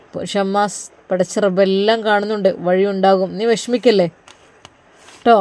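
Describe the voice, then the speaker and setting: A narrator voicing a kindly older religious elder, soothing and reassuring. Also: male voice, flat delivery, moderate pace, a little mellow, natural voice. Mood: consoling. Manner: soothing, reassuring, a touch higher. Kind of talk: storybook narration.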